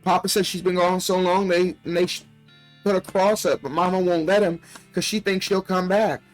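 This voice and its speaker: A man's voice: high-pitched, fairly even intonation, normal speed, soft background music, pitched above the performer's own voice, lightly acted. A man voicing a frightened little country girl reading her diary, plaintive and folksy, from a video game. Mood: plaintive, uneasy.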